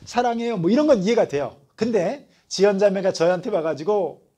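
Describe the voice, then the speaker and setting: Lively husky-voiced male pastor. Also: high-pitched, normal speed. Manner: conversational, keeps asking the listeners questions. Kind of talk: Bible study lecture.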